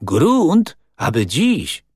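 A man's voice: on the high side, wildly swooping pitch, drawn-out words, darkish tone, husky, dry recording, studio quality, voice pushed up, heavily acted. A man reading as a cocky, scornful young man who talks in a brash, dismissive way.

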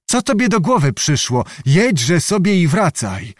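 A man's voice: fairly high pitch, very animated, a little slow, dry recording, studio quality, pitched above the performer's own voice. A man voicing a fierce young Cossack witch, wild and coarse, in a raised chanting voice for an audiobook. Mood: teasing, sly. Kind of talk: audiobook reading.

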